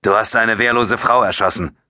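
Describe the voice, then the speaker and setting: A man's voice: fairly low pitch, fairly even intonation, moderate pace, sharp tone, dry recording, studio quality, voice pushed up. A male narrator voicing a grim, angry male soldier who speaks in curt accusations in an audiobook.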